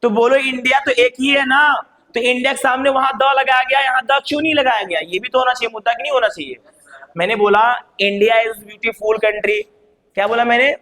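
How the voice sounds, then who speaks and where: A male teacher giving a grammar lesson, constantly asking his students rhetorical questions, spelling words out slowly and now and then raising his voice to stress a point. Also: very high voice. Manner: calls students child, bursts louder to stress points. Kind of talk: classroom lesson.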